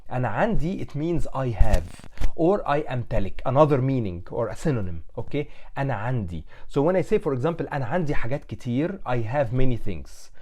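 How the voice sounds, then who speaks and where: Egyptian Arabic-accented man teaching, dark mellow voice. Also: medium pitch, animated, rapid-fire. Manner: repeats words and phrases for the learner, often checking with okay. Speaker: language teacher. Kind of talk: beginner language lesson, explaining in English with Arabic examples.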